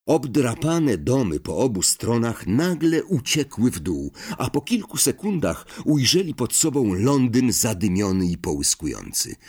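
Husky male audiobook narrator. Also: mid-range voice, measured pace, few pauses. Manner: expressive storytelling narration. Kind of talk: audiobook reading.

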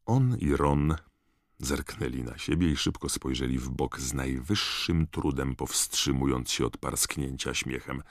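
Very deep, slow, expressive male narrator. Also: no echo, studio quality. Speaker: audiobook narrator. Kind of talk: scripted narration.

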